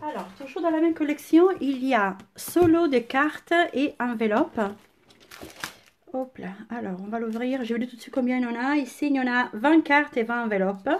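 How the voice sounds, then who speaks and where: Here an Italian-accented crafting demonstrator with a high-sitting voice excitedly unboxes items on a casual live stream, leaning on "euh" between thoughts. The phone-camera recording, made indoors at home, carries a faint hiss or hum.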